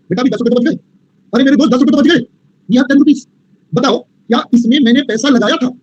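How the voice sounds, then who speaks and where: A man's voice: very high-pitched, darkish tone, slightly rough, dry recording, dull audio. A male teacher giving a lecture, coaxing the students and repeating himself. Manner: coaxing, repeats himself, mixes English phrases. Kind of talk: online commerce lecture.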